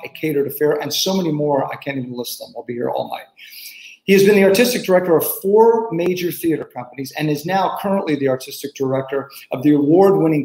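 An older man hosts an interview show with an upbeat, effusive manner, often repeating words as he starts his questions. His voice sits a bit high, and the studio gives it a noticeable roomy echo. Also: darkish tone. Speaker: show host. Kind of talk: hosting a video interview. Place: small studio set indoors. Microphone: studio microphone close up.

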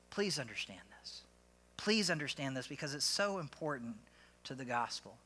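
A man's voice: a little high, sharp tone. A man with a Southern US accent, a lead pastor preaching a sermon with emphatic repetition, calling on the congregation to answer back. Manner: emphatic, repeats key phrases, asks the congregation to respond.

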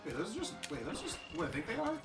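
A man's voice: sits high, huge pitch swings, very fast, distant mic, music in the background. A young man casually joking and swearing while commenting on a video game with friends. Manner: joking, loud bursts, swearing, laughs often.

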